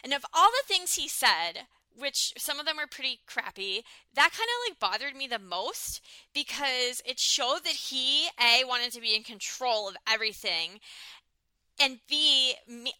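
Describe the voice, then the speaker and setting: A young woman with a bright, crisp voice talks through a reality show in casual podcast chat. She gets fired up and acts out what people said. The sound is dry and close. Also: high-pitched, animated, a little slow, no echo. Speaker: podcast co-host.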